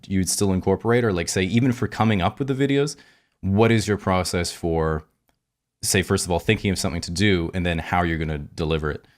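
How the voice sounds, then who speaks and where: A man with a very deep voice hosts a casual podcast interview. He talks in long, meandering, reflective turns. His questions build slowly as he thinks aloud. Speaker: podcast host.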